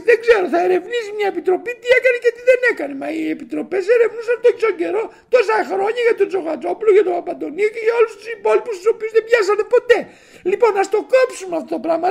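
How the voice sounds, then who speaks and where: Male comedian host from Greece; high, gravelly, exasperated rambling rant. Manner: rambling, exasperated, stumbling over words. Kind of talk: comic rant.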